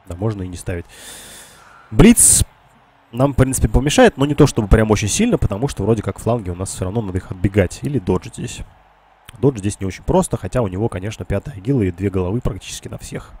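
Congested and nasal from illness, this streamer thinks aloud while casually calling a live strategy game for his viewers in chat. He talks fast in a lowish, dark voice that is animated and edged with breathiness.

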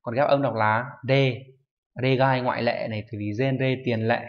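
A man's voice: mid-range voice, normal speed, muffled recording. Man teaching kanji. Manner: steady listing, checks in with rhetorical questions. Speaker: Japanese teacher. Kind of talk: recorded online kanji lesson.

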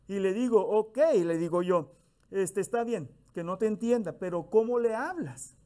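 A man's voice: sits high, moderate pace, dark tone. A middle-aged male minister, giving a folksy, conversational sermon with acted-out bits of dialogue.

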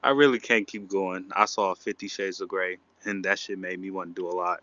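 A man's voice: low-pitched, steady tone, brisk, bright, forceful tone, dry recording, dull audio. A man on a livestream call, talking bluntly and defensively and swearing freely. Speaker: livestream guest. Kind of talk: casual crude chat.

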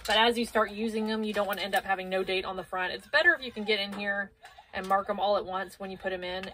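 In a small indoor pantry lined with shelves, a prepper vlogger in her thirties arranges supplies and muses aloud in a practical, casual tone. Her medium-pitched voice comes through a camera on a low shelf a few feet away, against a noisy background.

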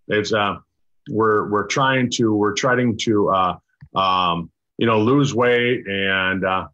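An older man, a doctor, explaining a product in casual chat over a video call, halting with many restarts and fillers. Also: lowish voice, bright, forceful tone. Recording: dull lo-fi video call audio.

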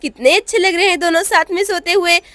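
A woman's voice: extremely high pitch, fast, a bit bright, no echo. A woman voicing a cheerful young woman doing her chores, chatting to herself and humming. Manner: chirpy, talks to herself, hums.

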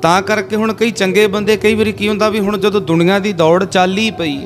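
Sermonizing man, higher voice, faint music. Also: steady tone, brisk. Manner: asks the listeners rhetorical questions and leads call-and-response chanting. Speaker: Sikh preacher leading a congregation. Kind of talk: sermon storytelling.

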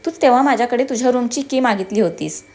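A woman's voice: fairly high pitch, fast talker, a little mellow. A woman voicing a playful, teasing young husband in a told story, joking with his wife.

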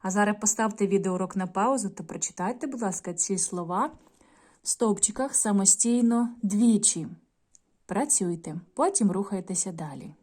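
A woman teacher in a video lesson, reading a folk tale aloud and addressing the children in a clear, measured storytelling manner. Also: medium pitch, dark tone. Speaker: primary school teacher.

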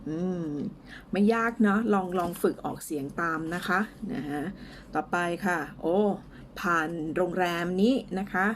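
A Thai woman teaching English in a casual lesson, speaking slowly and carefully as she drills pronunciation, with a few fillers. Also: lowish voice, a little hiss or hum.

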